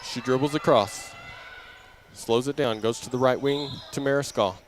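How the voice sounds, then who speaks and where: A play-by-play announcer calls a live basketball game for radio in short, clipped phrases, his voice rising with the action. He has a mid-range voice at a moderate pace, and the indoor gym is noisy with bouncing balls.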